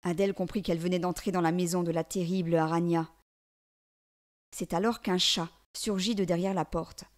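A woman reading a children's storybook aloud in a gentle, measured, expressive way. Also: on the low side.

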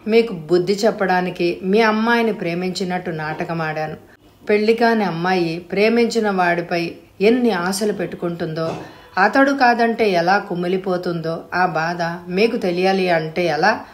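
A cold, vengeful young man in an audiobook, accusing in a raised, cutting voice, as a woman narrator reads him. Her low voice rises in pitch and volume for him. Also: moderate pace, natural voice.

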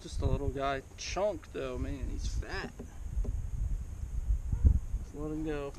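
Male, thirties, relaxed fishing vlogger on an action cam outdoors, clear background noise. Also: medium pitch, slow. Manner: relaxed, thinking aloud with fillers. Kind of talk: casual fishing vlog narration. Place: outdoors on a kayak on a river. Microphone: action camera mounted on the kayak.

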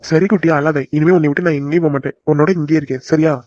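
A voice actor playing a gentle young son back home in a cartoon, reassuring his mother and sister. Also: mid-range voice, racing, no room sound, muffled recording, lightly acted. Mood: warm. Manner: soothing, reassuring. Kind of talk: cartoon voice acting.

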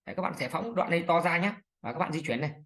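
Fast-talking woman giving a screen tutorial. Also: lowish voice, animated. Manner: chatty, fillers, many "đây này" pointers. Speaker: video editing tutor. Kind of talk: screen-recorded software tutorial.

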